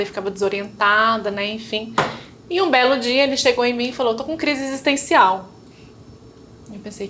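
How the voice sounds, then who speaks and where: Woman, Brazilian Portuguese accent, interview guest, personal testimony, acts out dialogue, higher-pitched voice. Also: pushed and bright, a little hiss or hum. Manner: storytelling, acting out remembered dialogue, frequent tag questions. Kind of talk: personal testimony in casual chat.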